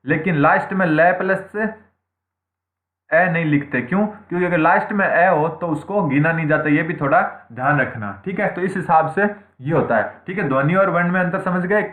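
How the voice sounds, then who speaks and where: Echoey, tinny-sounding male grammar teacher. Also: fairly high pitch. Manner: repeats points, asks and answers own questions; frequent "theek hai" checks. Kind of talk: online exam-prep lesson.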